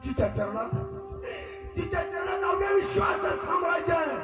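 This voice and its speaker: A desperate young son, played by a man on a folk stage, cries out his pleas in a very high, strained voice. Loud music swells behind him, and the sound is echoey and distant. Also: expressive, moderate pace, lo-fi sound. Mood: anguished. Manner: anguished wailing pleas, sobbing shouts. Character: desperate poor young son pleading with god. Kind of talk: live folk stage drama. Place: open stage performance.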